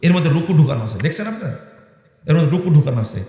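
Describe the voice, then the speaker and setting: A middle-aged man preaching a sermon, scolding his listeners with rhetorical questions and rising to shouts. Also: on the high side, animated, quick pace. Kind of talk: Bengali waz sermon. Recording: echoey hall with long reverb.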